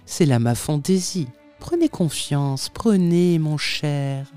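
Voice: mid-range voice, slow pace, warm tone, clean tone, faint music behind, natural voice. A reader voicing a sly, mocking male tempter who speaks with unctuous, overly polite irony in an audiobook reading. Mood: silky, mocking.

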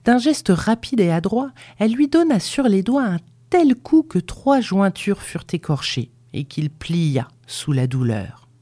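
A woman reading a novel aloud as a narrator, in an unhurried and expressive storytelling manner. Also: mid-range voice, no room sound. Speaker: audiobook reader.

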